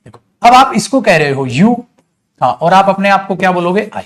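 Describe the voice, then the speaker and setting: A man's voice: sits high, sing-song, normal speed. A man teaching a spoken English lesson, explaining patiently in Hindi and addressing his students affectionately.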